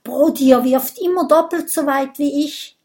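A woman playing a loud, indignant Viking boy. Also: high voice, a little slow, pitched above the performer's own voice.

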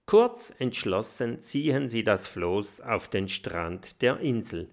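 Slow, lively male storyteller. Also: fairly low pitch, vocal fry. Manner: calm, storytelling. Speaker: narrator. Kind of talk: children's audiobook narration.

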